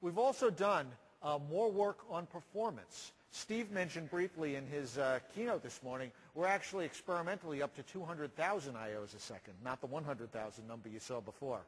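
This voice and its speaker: A man in his forties speaks from a big keynote stage in a slightly husky, somewhat high voice. He explains things in a measured way, pausing often on "uh" as he goes. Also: poor audio. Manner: measured, explanatory, frequent uh fillers. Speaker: keynote presenter. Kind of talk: conference keynote talk. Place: large conference hall stage.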